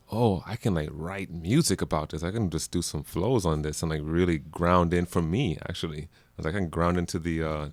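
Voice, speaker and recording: Man from Jamaica, very low voice, dry close sound, casual interview talk, laughs easily, lots of fillers. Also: no echo. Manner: laughs often, relaxed rambling with many fillers. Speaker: musician guest.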